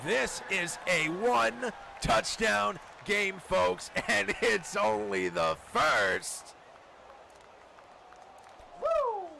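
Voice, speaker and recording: A male football play-by-play announcer with a gravelly edge and an unhurried, measured pace. His delivery is dramatic and emphatic, with clear noise behind him. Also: high-pitched, very animated, bright, forceful tone, a faint crowd. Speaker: play-by-play commentator of a football video game league stream. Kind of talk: American football play-by-play commentary.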